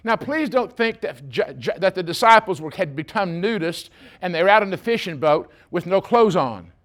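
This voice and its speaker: A man's voice: sits high, animated, moderate pace, fairly bright tone. A man preaching a sermon, folksy and joking, speaking directly to his congregation. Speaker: pastor.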